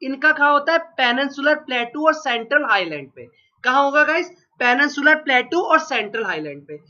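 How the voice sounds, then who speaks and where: A man with a very high-pitched, sharp voice speaks expressively and a little fast during an exam-prep geography lecture. Suffering from a cold and sore throat, he coughs occasionally and reinforces every point by asking then repeating the answer. The audio is dull and lo-fi.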